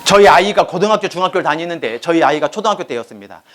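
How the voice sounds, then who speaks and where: A man in his forties preaching a sermon, telling stories with lively acted-out family voices. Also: on the high side, very fast. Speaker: pastor.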